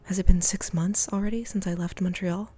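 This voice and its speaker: A woman streaming live, reading game dialogue and love letters aloud, often slipping into a soft whisper. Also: fairly low pitch, fairly even intonation, a little fast, husky.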